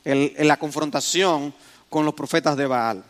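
A man preaching a sermon to his congregation, asking them questions and rising to loud, dramatic exclamations. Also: fairly high pitch, moderate pace.

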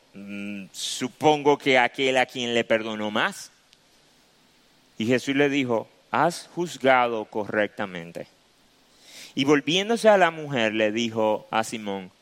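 A man's voice: medium pitch, fairly bright tone. A man preaching a sermon, explaining a passage step by step and repeating his key phrases. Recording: long reverb in a large hall.

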